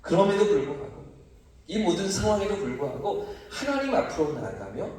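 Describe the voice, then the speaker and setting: A man's voice: high-pitched, huge pitch swings, moderate pace, a little mellow. Echoey man preaching a dawn sermon. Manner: rhetorical questions, rising emphatic cries. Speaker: pastor. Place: church sanctuary. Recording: distant mic, heavy church echo.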